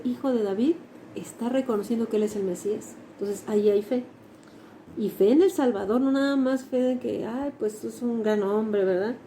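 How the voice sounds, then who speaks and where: A woman's voice: a little high, warm tone, slight background noise, rough recording. A woman with a Mexican accent teaching a Sunday school class, reading scripture aloud and explaining it, often adding tag questions. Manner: reads verses aloud, then explains them with tag questions. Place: church classroom.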